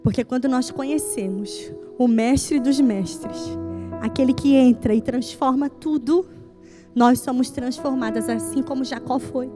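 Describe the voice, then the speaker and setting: A woman pastor preaches a sermon at a church service in a high voice, speaking a little slowly over music. She drives her points home by repeating lines and tells stories with lively, voiced dialogue.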